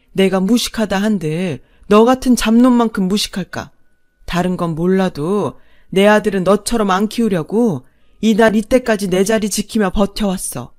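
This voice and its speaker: A woman voicing a long-suffering older mother-in-law who speaks in a forceful, cutting way. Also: medium pitch, natural voice.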